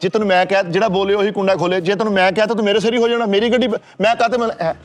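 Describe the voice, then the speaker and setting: A man's voice: high voice, fairly even intonation, rapid-fire, faint music behind. A man in a comedy sketch, stubbornly scolding and brushing others off. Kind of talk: rapid comic banter.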